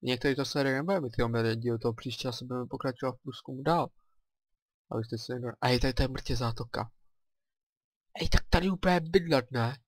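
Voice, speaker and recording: A man with a Czech accent giving casual let's play commentary, chatty and thinking aloud with excited exclamations. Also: mid-range voice, dry recording.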